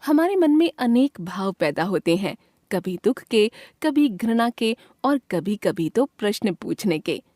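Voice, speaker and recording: A woman reading a grammar lesson aloud from a textbook in a clear, measured way, voicing the example sentences with expression. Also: medium pitch, sing-song, warm tone, no room sound, studio quality.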